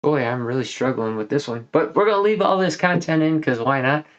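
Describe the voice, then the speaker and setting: A channel host reviews whiskey casually, rambling in a loose, folksy way while sounding a little tipsy and short of breath from a lingering cold. His voice is slightly high, with lively intonation and a fairly quick pace. The dull lo-fi recording carries a little hiss or hum.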